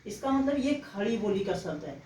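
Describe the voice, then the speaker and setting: A woman teacher giving a slow, explanatory exam-prep lecture, often pausing to check that students follow. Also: mid-range voice, very animated, dark tone, slight background noise. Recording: echoey room, mic far off.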